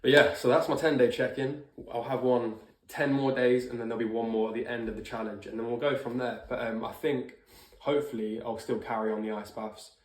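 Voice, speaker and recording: A man's voice: mid-range voice, little pitch movement, fairly quick. A man talking casually and informally to camera as a vlogger, sometimes swearing, giving a personal check-in. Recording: roomy indoor echo.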